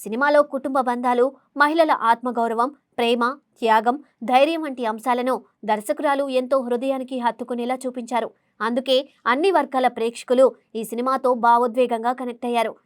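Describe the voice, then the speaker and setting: Female entertainment news narrator, high register, fast formal read of scripted copy. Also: steady tone, clear, resonant tone, no room sound, studio quality. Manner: formal reading delivery.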